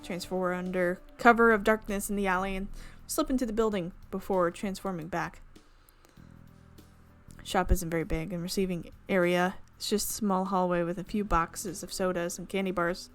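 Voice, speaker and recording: With a lowish, steady voice and moderate pace, a woman reads visual novel narration aloud for a gaming video. She often stumbles and goes back to correct the slip, and faint music can be heard behind her.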